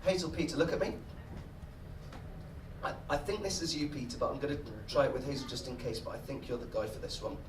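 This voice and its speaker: A man's voice: mid-range voice, quick pace. A man performing as a stage mind reader, commanding and intense with a wry, dry humour, delivering live magic show patter. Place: stage in a live venue with audience. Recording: noisy echoey live venue, distant mic.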